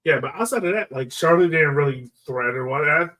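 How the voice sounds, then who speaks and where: Far from the mic, a soccer podcast host breaks down the game in a casual chat full of fillers like "like" and "you know." He talks briskly in a fairly high, pushed and bright voice with lively intonation.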